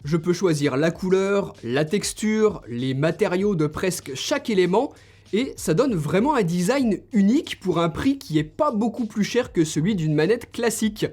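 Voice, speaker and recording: A man's voice: sits high, animated, normal speed, a little mellow. A young man recommending tech gifts straight to his viewers, enthusiastic and direct, talking to them informally. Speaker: tech reviewer. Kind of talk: tech gift recommendations to camera.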